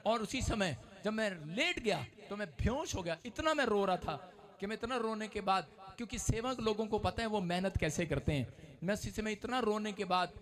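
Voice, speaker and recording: A man preaching a testimony sermon in a church, his voice pitched very high. His tone is bright and sharp, and he keeps breaking into shouts and laughter as he works up the congregation. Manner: fervent, often shouting and laughing. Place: church service.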